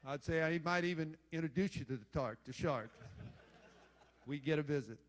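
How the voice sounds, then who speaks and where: A man's voice: on the high side, moderate pace. An older man, a former football coach, giving a rambling speech full of stories, blunt and salty, swearing and joking with the crowd.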